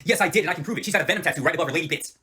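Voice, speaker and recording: A man acting in a comedy sketch with lively, bickering delivery. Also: fairly high pitch, rapid-fire.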